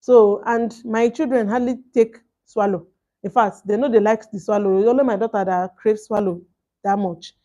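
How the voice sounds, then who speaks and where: A woman's voice: mid-range voice, steady tone, moderate pace, mellow, lo-fi sound. A woman in her thirties with a Nigerian accent vlogs a personal story in casual, emphatic talk, slipping between English and Pidgin and acting out what was said. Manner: emphatic, acts out reported exchanges. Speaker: vlogger telling a personal story.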